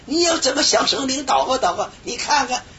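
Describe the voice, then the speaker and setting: A man preaching a sermon, telling a personal story with sudden shouted bursts. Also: big pitch swings, fairly quick. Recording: dull lo-fi recording with faint rumble.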